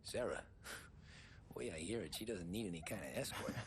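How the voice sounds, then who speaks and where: An actor playing a young mob driver who talks calmly and plainly. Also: male voice, on the low side, a little fast, a little hiss or hum, lightly acted. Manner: calm, plain-spoken. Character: young mob driver man, calm, steady. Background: game music.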